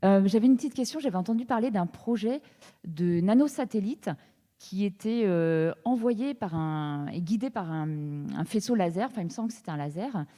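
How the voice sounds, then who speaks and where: A woman's voice: mid-range voice, expressive, normal speed, mellow, long reverb tail. A woman in the audience asking a question hesitantly, searching for her words. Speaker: audience member.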